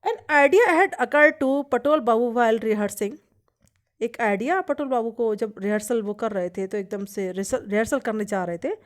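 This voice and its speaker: A woman teacher, reading a story line by line and explaining each part in Hindi. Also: on the high side. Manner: reads English lines slowly, then explains in Hindi. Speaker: English teacher.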